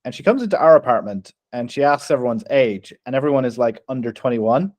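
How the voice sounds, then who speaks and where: An Irish man co-hosting a podcast, telling animated stories, acting out quotes and swearing freely. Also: medium pitch, fast, no room sound. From Ireland. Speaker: podcast co-host. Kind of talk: casual storytelling chat.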